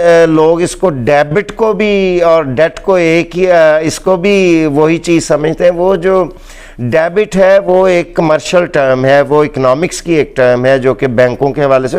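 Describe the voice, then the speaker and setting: Clear-voiced Pakistani man teaching pronunciation. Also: on the high side, darkish tone. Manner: slow, deliberate, repeating words for emphasis. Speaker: English teacher. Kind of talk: pronunciation lesson.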